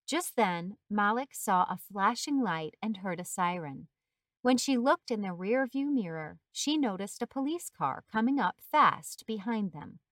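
A woman reading a short story aloud as narrator in a steady, earnest manner. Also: mid-range voice, a little slow, no echo.

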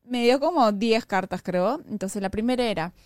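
Una mujer con acento peruano que cuenta una anécdota personal de forma animada, con muchas muletillas y frases que retoma, en una charla casual de pódcast. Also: female voice, on the high side, moderate pace, no echo, clean studio sound. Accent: Peruvian Spanish. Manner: animated rambling storytelling, restarts and fillers. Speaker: podcast co-host telling a personal story. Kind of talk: casual chat.

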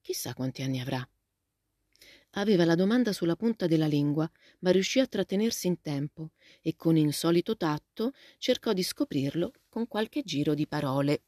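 Woman narrator, audiobook, steady storytelling, very low voice, dark mellow tone. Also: normal speed, hardly any pauses, no room sound, studio quality. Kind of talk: scripted narration.

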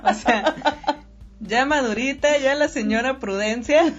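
A woman's voice: high voice, a little slow. A young Mexican woman, a podcast guest, chatting casually and agreeing easily with a laugh. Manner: relaxed agreeable chatter, often laughing along. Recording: dull lo-fi audio with faint music.

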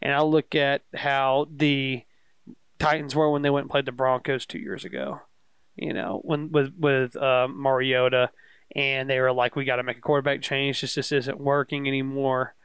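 A man's voice: medium pitch, flat delivery, normal speed, fairly bright tone, clean tone, dry recording. A young man co-hosting a casual sports chat, joking and rambling through stories in a laid-back way. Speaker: podcast co-host.

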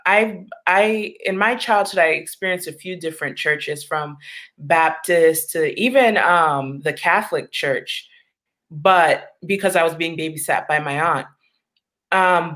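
A woman's voice: deep voice, fairly bright tone. A woman from Long Island, New York, speaking candidly and reflectively as an interview guest, laughing easily.

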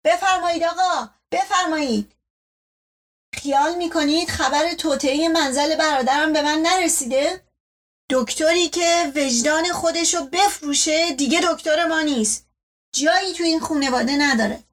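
A woman voicing an irascible, paranoid old family patriarch who shouts accusations. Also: sits high. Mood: indignant.

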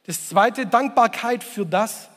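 A man's voice: high voice, slow, a bit bright, long reverb tail. A man preaching a Sunday sermon as pastor, talking conversationally, asking the congregation questions and repeating key phrases for emphasis.

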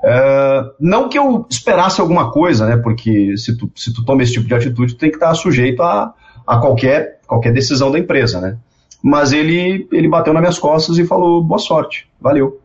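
A man's voice: a little high, moderate pace. Storytelling southern brazilian man, lo-fi. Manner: animated, repeats words, imitates others. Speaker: guest. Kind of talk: casual storytelling interview. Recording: dull lo-fi sound.

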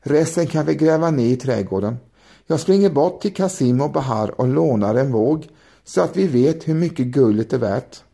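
A man's voice: medium pitch, lively intonation, gravelly, dark tone. A man reading a sensible poor wife. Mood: practical. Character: practical poor wife, Nadine.

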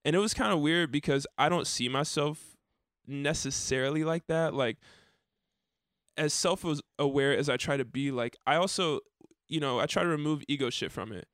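A man's voice: fairly high pitch, normal speed, a bit bright, dry recording, clean studio sound. A young man, a musician and countertenor, chatting casually and rambling with lots of restarts and laughs. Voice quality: countertenor singer. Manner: rambling, laughs often, many likes and restarts. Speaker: musician and podcast host. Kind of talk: casual chat.

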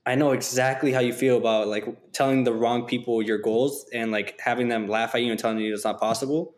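A man's voice: mid-range voice, steady tone, a little fast. Man, podcast host, mid-range voice, earnest, reflective, casual chat. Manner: earnest, reflective, uses "like" often.

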